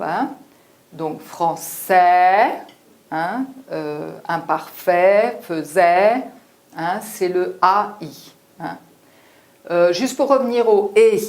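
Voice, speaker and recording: A woman's voice: medium pitch, darkish tone, a little hiss or hum. A woman giving a French lesson to learners, explaining patiently and tagging her sentences with a frequent "hein". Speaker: French teacher. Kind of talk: spoken language lesson.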